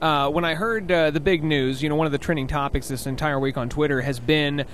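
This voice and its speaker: A man's voice: on the high side, steady tone, fairly quick, fairly bright tone, a little hiss or hum. A man co-hosting a radio talk show, rambling through stories with many restarts and fillers. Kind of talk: casual on-air chat.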